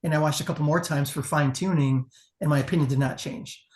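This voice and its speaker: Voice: medium pitch, steady tone, a little fast, darkish tone. A competition judge giving a casual panel critique in an emphatic, profane, conversational way.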